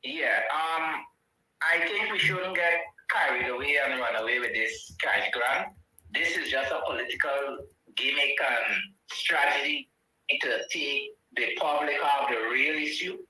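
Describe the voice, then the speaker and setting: A man's voice: medium pitch, measured pace, pushed and bright. A man calling in to a radio talk show, his call carrying a heavy echo from a second device as he rambles earnestly through his opinion. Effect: heavy echo from a second device on the phone call. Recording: echoey phone line from far off.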